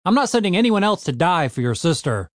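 A man narrator acts out a cynical, foul-mouthed storybook boss who is blunt, sarcastic, grudging and forever exasperated. He talks fast with big, wide pitch swings, and the recording is very dry with no echo.

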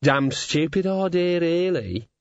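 A man's voice: fairly high pitch, lively intonation, takes it slowly, clear, resonant tone, no echo, voice pushed up. Man doing a chatty, greedy old raven. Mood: offhand. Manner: gossipy, offhand. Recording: dull lo-fi recording.

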